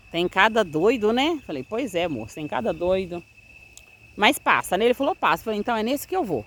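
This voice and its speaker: A woman recounts a personal experience with a lively, swooping delivery, slipping into the voices of the people she quotes. Her voice sits a little high, and faint noise hums under the recording. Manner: acts out quoted dialogue of other people. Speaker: storyteller. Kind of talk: personal testimony storytelling.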